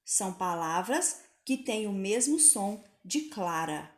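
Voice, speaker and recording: A woman teaching Portuguese spelling to pupils in a recorded lesson, patient and clear, sounding out each word slowly. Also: mid-range voice, lively intonation, reverberant.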